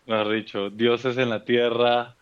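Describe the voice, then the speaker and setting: A man from Colombia with a Bogotá accent, a guest casually telling travel stories in a relaxed way with many fillers. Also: medium pitch, measured pace, clean tone, no echo, dull audio. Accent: Bogotá Colombian (rolo). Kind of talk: casual interview conversation.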